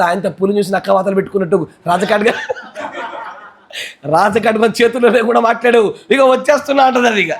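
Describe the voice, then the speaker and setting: A pastor with a Telugu accent and a high-pitched voice preaches fervently, shifting between loud, shouted exclamations and quieter, intense speech.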